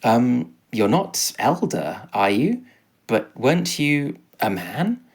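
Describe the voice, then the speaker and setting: A man's voice: mid-range voice, big pitch swings, slow pace, slightly rough, full character voice. A man voicing a nervous, polite young boy hero in a storybook tale, speaking hesitantly. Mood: unsure.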